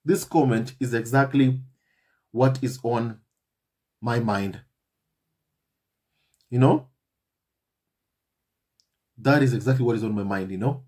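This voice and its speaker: A man's voice: medium pitch, fairly even intonation, slow, long pauses, a little mellow. A man hosting his own channel, giving impassioned commentary and addressing viewers as his family, with heavy repetition. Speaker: channel host.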